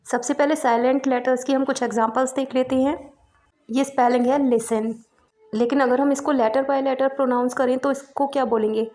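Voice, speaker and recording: A woman's voice: a little high, darkish tone. A woman teaching an English spelling lesson, patiently spelling words out letter by letter. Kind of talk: explanatory spelling lesson in Hindi.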